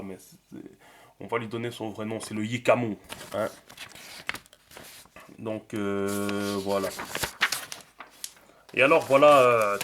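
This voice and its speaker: A man explaining a writing system in a relaxed screen tutorial, thinking aloud with many fillers. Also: medium pitch. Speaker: teacher.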